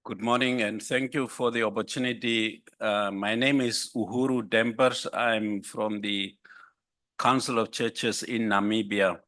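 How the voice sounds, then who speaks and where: A man's voice: on the low side, fairly even intonation, measured pace, a bit bright. Polite man speaking from the floor. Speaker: audience member. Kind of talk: conference floor comment.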